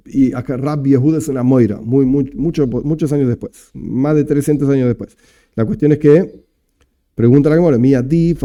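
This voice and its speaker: A man with an Argentine Spanish accent, teaching a Talmud lesson as a rabbi, explaining step by step and reading Aramaic phrases slowly. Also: medium pitch, warm tone.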